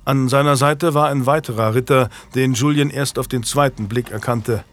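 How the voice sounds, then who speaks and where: A man narrating a historical audiobook in a measured, even way. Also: medium pitch. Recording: dry close studio, faint music.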